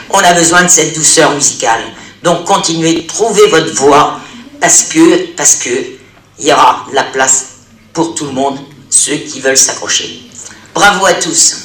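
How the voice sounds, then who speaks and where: A man, a local elected official, giving a formal, praising speech at a public event, halting and restarting as he speaks. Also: fairly high pitch, a bit bright, far from the mic, slight background noise. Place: large hall with an audience. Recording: echoey hall recorded from afar.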